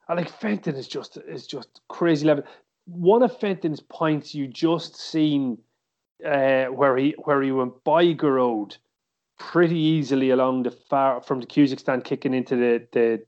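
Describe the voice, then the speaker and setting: A man with an Irish accent hosting a casual sports discussion, halting and repeating words as he thinks. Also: mid-range voice, a little mellow. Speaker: podcast host. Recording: slightly dull, muffled podcast audio.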